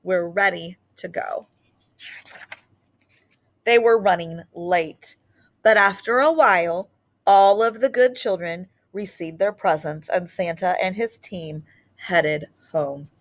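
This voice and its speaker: In a mid-range voice, a woman tells the story of a children's picture book, reading it aloud with animated energy. Key words get drawn-out emphasis.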